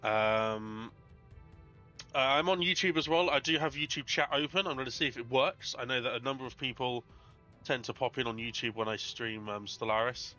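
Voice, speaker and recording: A British man talks casually to his game-stream audience in a bright, forward voice at a middling pitch. He sounds bunged up with a cold, as if tissue is stuffed up his nose. His manner is self-deprecating, and faint music plays behind him. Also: moderate pace, lo-fi sound. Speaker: streamer, host.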